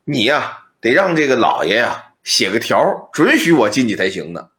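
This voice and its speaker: A man's voice: medium pitch, big pitch swings, moderate pace, fairly bright tone, voice pushed down. A man voicing a wronged ghost in a pot. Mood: plaintive.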